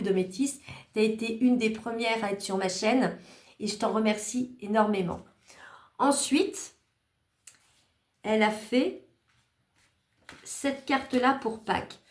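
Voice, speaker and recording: A woman hosting a craft channel, casually showing cards she was sent and thanking each maker in a chatty, grateful way with small hesitations. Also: mid-range voice. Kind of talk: casual show-and-tell of cards. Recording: echoey room.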